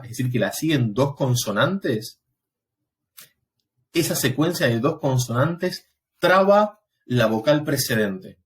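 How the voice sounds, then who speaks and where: A man teaching a Latin class, explaining step by step and often pausing to check that students follow. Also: medium pitch. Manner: patient, explanatory, checks understanding with frequent "¿sí?". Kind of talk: recorded class lecture.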